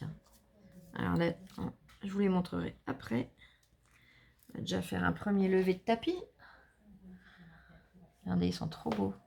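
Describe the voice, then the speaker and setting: A woman vlogger chatting casually to viewers while opening a scrapbooking parcel, gushing and enthusiastic with a slightly gravelly voice. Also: fairly low pitch, darkish tone. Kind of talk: casual unboxing chat to viewers.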